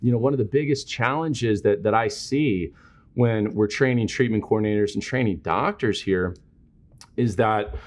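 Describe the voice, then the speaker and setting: A man interviewing a guest conversationally, laying out scenarios in an explanatory way and checking in as he goes. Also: lowish voice. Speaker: interviewer, dental sales trainer.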